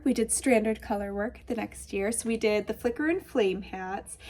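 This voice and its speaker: A knitting podcast host with a Michigan accent talks casually about her craft, bubbly and chatty with plenty of asides. Her fairly high voice sounds congested and a bit nasal, as though she has a cold.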